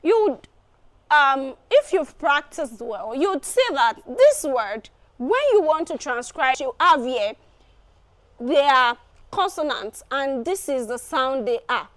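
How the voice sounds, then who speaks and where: A woman teacher walks through an exam preparation lesson. Her voice sits high, and she talks slowly, circling back to repeat phrases as she explains. She leans on small fillers between points. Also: very animated, a bit bright.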